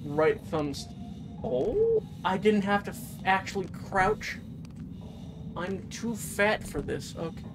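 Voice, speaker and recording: A man giving let's-play commentary in excitable, jokey running reactions as he plays. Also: high voice, slow pace. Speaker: gaming video creator. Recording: game music playing underneath.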